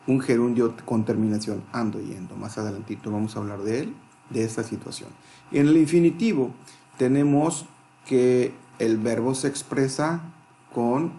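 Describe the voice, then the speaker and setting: A man's voice: on the low side, darkish tone, a little hiss or hum. Man teaching a grammar lesson. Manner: explains step by step, spelling out letters and translating examples. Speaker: English teacher. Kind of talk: grammar lesson explaining rules.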